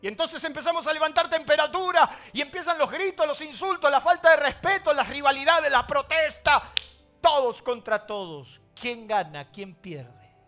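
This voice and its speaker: Rioplatense pastor guy preaching, really high bright voice, goes loud then hushed. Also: expressive, moderate pace, soft background music. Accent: Rioplatense Spanish. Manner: preaching with sweeping swings between loud emphasis and hushed asides. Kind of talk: sermon.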